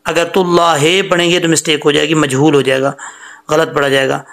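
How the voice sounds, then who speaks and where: A man teaching correct prayer recitation, drawing words out slowly and then explaining mistakes in plain talk. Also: fairly high pitch, fairly even intonation, creaky, fairly bright tone. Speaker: tajweed teacher. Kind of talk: slow recitation lesson with corrections.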